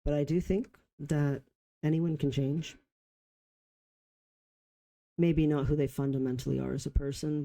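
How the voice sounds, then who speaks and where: In a personal vlog, a man of about forty talks in short, reflective phrases with pauses. His medium-pitched voice is very mellow and dark, full of vocal fry, with fairly flat intonation, and the recording quality is low.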